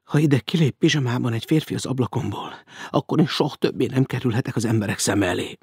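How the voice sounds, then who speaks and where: A man's voice: mid-range voice, darkish tone, breathy edge, dry recording, studio quality. A man voicing a flustered, indignant young woman who scolds in alarm, in an audiobook. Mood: anxious.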